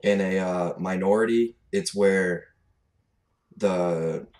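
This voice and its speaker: A man's voice: deep voice, slow, darkish tone. A seventeen-year-old young man with a Canadian accent, giving a casual, off-the-cuff commentary rant in a blunt, fed-up, sweary manner. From Alberta, Canada. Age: 17, teenager. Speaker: gaming commentator. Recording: clearly noisy home recording.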